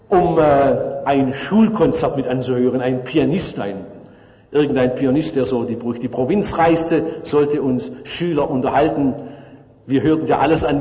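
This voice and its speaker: Dramatic German preacher in an echoey hall. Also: male voice. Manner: vivid storytelling, dramatic swings in pitch and loudness. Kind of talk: sermon retelling a Bible story. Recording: echoey church hall, dull lo-fi sound.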